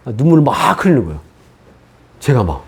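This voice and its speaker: Fast, lively Korean pastor preaching. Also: male voice, mid-range voice, vocal fry, breathy edge. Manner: animated storytelling, acting out his own past words. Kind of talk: sermon testimony.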